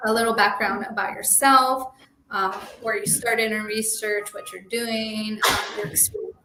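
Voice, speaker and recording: A woman hosting a webinar interview over a video call, introducing her guest in a friendly, slightly rushed way. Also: medium pitch, fairly even intonation. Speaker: webinar host. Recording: echoey room with background noise.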